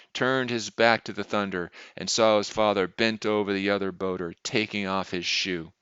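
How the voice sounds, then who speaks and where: A man narrating a short story aloud in a steady, measured reading, in a dull lo-fi recording. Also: lowish voice, clean tone, no room sound. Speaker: audiobook reader.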